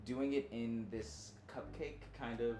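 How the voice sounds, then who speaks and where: A man chatting casually as a guest, pausing haltingly between phrases. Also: medium pitch, steady tone, warm tone, slight background noise. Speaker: actor guest on the show. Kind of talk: casual chat. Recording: roomy echo, music behind.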